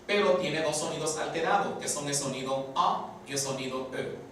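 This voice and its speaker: A male teacher talks through a pronunciation lesson in a fairly high voice, stopping to repeat example words slowly and to ask his students rhetorical questions. He sits well back from the mic in a very echoey room with faint hiss underneath. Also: a bit bright, far from the mic. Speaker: English phonology teacher. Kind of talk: explanatory lesson.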